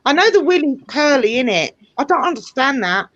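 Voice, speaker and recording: A loud British woman chatting in a blunt, sweary, bantering way. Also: high-pitched, sing-song, a little fast, dry recording, muffled recording. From United Kingdom. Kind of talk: casual chat, banter.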